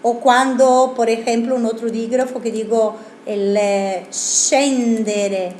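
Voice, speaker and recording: A woman's voice: fairly high pitch, flat delivery, unhurried, a little mellow, a little hiss or hum. A woman teaching a language lesson, asking rhetorical questions and explaining with examples. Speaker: Italian teacher. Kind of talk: video lesson. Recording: echoey room.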